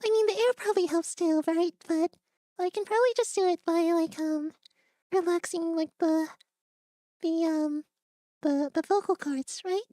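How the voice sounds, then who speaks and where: A woman's voice: very high-pitched, normal speed, dark tone, no echo, clean studio sound. A woman on a live stream walking through vocal technique step by step, giggly and casual as she explains. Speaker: guest voice coach. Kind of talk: casual voice-training demo on stream.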